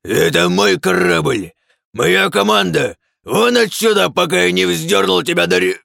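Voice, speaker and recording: A man voicing a brutish, hot-headed male pirate captain in an audiobook, with a raspy, gravelly voice and hysterical bellowing outbursts. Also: sits high, lively intonation, unhurried, bright, forceful tone, no echo, studio quality, voice pushed up, full character voice. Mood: furious. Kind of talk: audiobook character voice.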